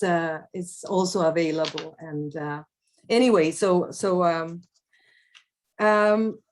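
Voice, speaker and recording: Hesitant Colombian-born woman lecturing. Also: on the low side. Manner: hesitant, many fillers and restarts. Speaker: guest speaker. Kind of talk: academic talk.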